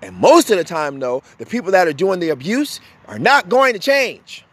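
High-pitched guy on a podcast going off, cussing, hitting the same point over and over, voice jumping all over the place. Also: very animated, moderate pace, a bit bright, husky, no echo. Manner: fiery, blunt and profane, preaching hard; emphatic, repeats points for force. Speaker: podcast host. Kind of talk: impassioned monologue.

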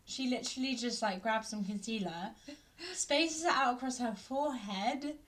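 A young woman, co-hosting a podcast in casual chat, giggly and animated as she tells stories. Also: a little high, normal speed. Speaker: podcast co-host.

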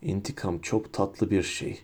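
A man voicing a cold, menacing adult male wizard teacher in an audiobook, speaking low with a silky, hissing menace. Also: steady tone, normal speed, warm tone, natural voice. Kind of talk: audiobook character voice.

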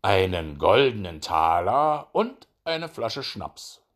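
A man's voice: fairly low pitch, big pitch swings, takes it slowly. A man voicing a sly, stubborn male hedgehog in a fairy tale, cocky and bossy.

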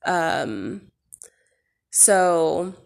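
A woman's voice: on the low side, big pitch swings, extremely slow, creaky. A woman hosting a podcast in a casual, candid personal monologue, rambling with lots of fillers and swearing freely. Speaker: podcast host.

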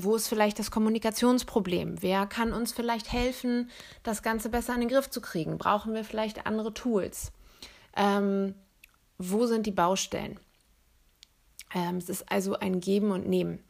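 Woman, young adult, solo podcast host; clear, explanatory, talks straight to the listener. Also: medium pitch.

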